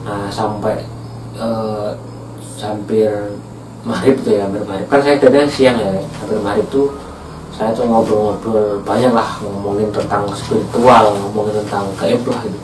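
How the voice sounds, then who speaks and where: A man's voice: lowish voice, steady tone, a little slow, far from the mic, background noise. A man casually telling a horror story in a chatty way, often speaking to listeners as guys. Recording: echoey room, off-mic, music behind.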